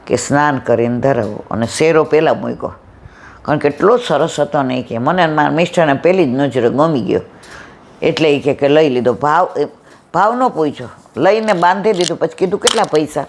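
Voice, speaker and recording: Satsang storyteller, devotional tale-telling, repeats lines that fade off quietly. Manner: repeats phrases, trailing off low and soft. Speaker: satsang speaker.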